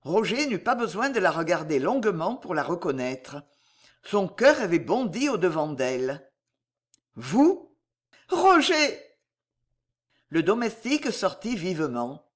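A woman narrating a novel as an audiobook in a measured, expressive way. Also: fairly low pitch.

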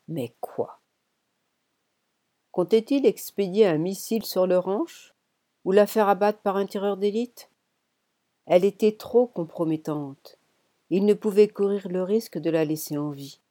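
A woman narrating a novel chapter in a measured, deliberate reading with pauses. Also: fairly low pitch, warm tone, dry recording, clean studio sound. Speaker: audiobook narrator. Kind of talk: scripted narration.

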